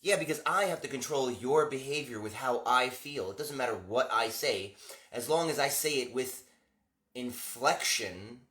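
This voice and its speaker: A man's voice: mid-range voice, animated, normal speed, sharp tone. A man rambling wryly in a monologue, as if talking to himself. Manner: wry, rambling, talks to himself. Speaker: vlogger. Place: room indoors. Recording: roomy echo.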